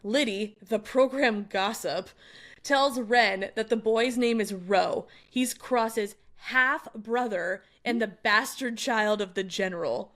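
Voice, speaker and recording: A young adult woman talks through a book's chapters on a podcast she co-hosts. Her delivery is animated and chatty, broken up by frequent laughter and quick side remarks. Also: a little high. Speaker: book club podcast co-host. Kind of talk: casual chat recapping a book.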